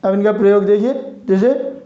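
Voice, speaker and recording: A man teaching a grammar lesson, slowly listing example words one by one. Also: high-pitched. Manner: slow, deliberate listing of examples. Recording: roomy, dull lo-fi sound.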